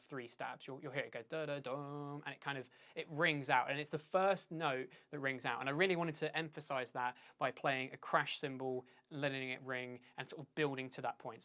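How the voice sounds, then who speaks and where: A man teaching drums in a live stream, talking casually, sounding out beats with syllables, often pausing and correcting himself. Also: medium pitch, fairly even intonation, a bit bright. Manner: casual, vocalizes drum patterns with syllables; hesitant, many fillers and self-corrections. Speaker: drum teacher. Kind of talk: live-streamed drum lesson.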